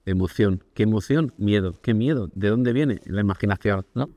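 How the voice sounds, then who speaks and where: A man's voice: fairly low pitch, normal speed, warm tone, no room sound. A man hosting a casual podcast conversation, speaking reflectively and posing questions. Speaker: podcast host.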